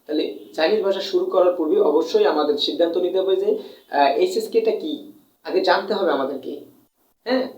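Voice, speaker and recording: Teacher repeating and quizzing himself. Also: male voice, high voice, darkish tone. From Bangladesh. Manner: repetitive, asks and answers own questions; drawn-out demonstration of tones. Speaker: Chinese language teacher. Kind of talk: classroom lesson in Bengali. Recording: echoey room, mic at a distance.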